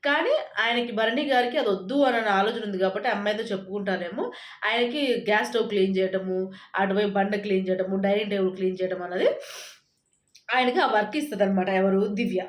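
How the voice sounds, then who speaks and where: Fast-talking woman in a roomy echo. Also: medium pitch. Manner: chatty, rapid retelling with many fillers. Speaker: reality show recap vlogger. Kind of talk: casual spoken recap.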